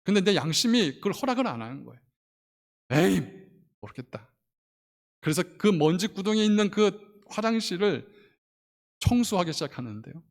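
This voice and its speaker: A man's voice: high-pitched, sing-song, fairly quick. A male pastor preaching a sermon in a church sanctuary, telling a story with fervor and pressing his points with rising emphasis.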